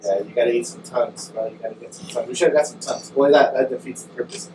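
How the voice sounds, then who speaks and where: A man's voice: mid-range voice, steady tone, quick pace. A man in casual, slangy, sweary conversation as a co-host, feeling the burn of spicy food. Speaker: podcast co-host. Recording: distant mic, echoey noisy room.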